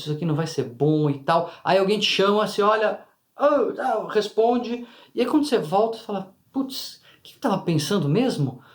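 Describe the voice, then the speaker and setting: Guy, kinda high voice, explaining feelings to his viewers, animated, echoey room. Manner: lively, acts out inner dialogues in brief voices. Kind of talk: casual explanatory video talk to viewers.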